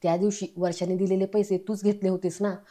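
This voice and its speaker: A woman reading the lines of a stern older man who scolds a young man for lying, in a flat, mellow voice. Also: mid-range voice, quick pace, close to an everyday voice. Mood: reproachful. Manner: scolding, reproachful.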